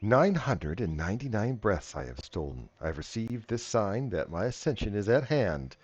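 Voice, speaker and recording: Deep slow menacing vampire villain done by a guy running a tabletop game, theatrical, kinda dull recording. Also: sing-song, darkish tone, breathy edge, dry recording. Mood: menacing, grandiose.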